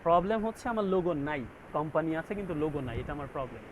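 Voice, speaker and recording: A man teaches a design class over a video call. His voice sits a little high, and he explains step by step, stopping often to check that everyone follows. Steady noise runs under the call audio. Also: fast. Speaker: graphic design instructor. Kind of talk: online class lecture.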